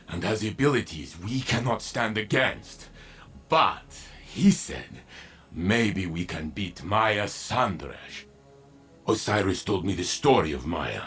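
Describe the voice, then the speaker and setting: A deep, earnest warrior ally. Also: male voice, a bit bright, heavily acted. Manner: simple earnest phrasing, halting and thoughtful. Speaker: game character. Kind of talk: video game cutscene dialogue.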